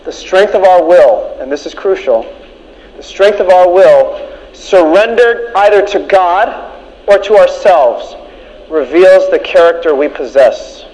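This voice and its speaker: A man's voice: high voice, expressive, measured pace, a little mellow. A male preacher delivering a sermon emphatically, repeating key lines for the congregation. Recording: dull lo-fi recording.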